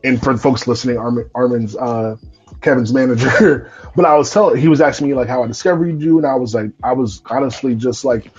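A man's voice: medium pitch, a little fast, a little mellow, breathy edge. A young man from North Carolina hosting a podcast interview, talking casually with many fillers and restarts. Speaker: podcast host. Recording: lo-fi live stream audio with faint music.

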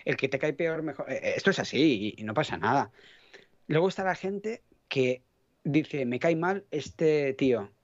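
A man's voice: on the high side, lively intonation, moderate pace, no room sound, lo-fi sound. A man from Catalonia with a faint Catalan accent, chatting as a podcast guest, rambling, hunting for words and swearing casually. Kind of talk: casual chat.

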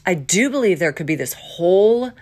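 A woman hosting a podcast as a rambling monologue, theatrical and playful, with folksy, devout asides muttered to herself and sudden drawn-out declamations. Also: fairly low pitch, animated, darkish tone. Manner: folksy, devout, talks to self. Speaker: podcast host. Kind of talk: casual, rambling spoken-aloud monologue.

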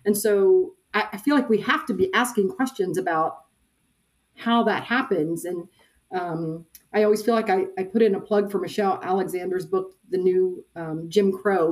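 A woman's voice: medium pitch, darkish tone, rough recording. Earnest middle-aged woman guest. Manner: earnest, hesitant with fillers. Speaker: guest, denominational peace minister. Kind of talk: casual interview talk.

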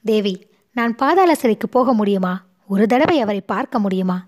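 A woman's voice: medium pitch, lively intonation, normal speed, a little mellow, close to an everyday voice. A woman voicing a distraught young noblewoman who pleads and sobs with guilt, in a storybook reading. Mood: pleading. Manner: pleading, sobbing between words.

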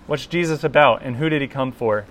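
A man preaching a sermon in a relaxed, conversational, self-deprecating way. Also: medium pitch, fairly quick. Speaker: pastor.

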